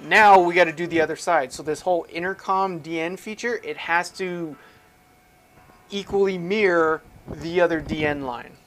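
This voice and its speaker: Music plays faintly as an instructor with a high-leaning, bright voice moves at a moderate pace through a relaxed step-by-step technical tutorial. He talks informally, questioning himself and explaining out loud while he demonstrates.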